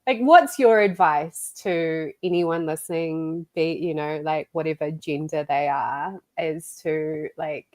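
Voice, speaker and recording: A woman's voice: deep voice, slow pace, few pauses, a little mellow, no echo. A young woman from New Zealand co-hosting a podcast, chatty and relating, full of likes and you-knows. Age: young adult. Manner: chatty, relating, many fillers. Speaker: podcast co-host. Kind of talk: casual podcast interview.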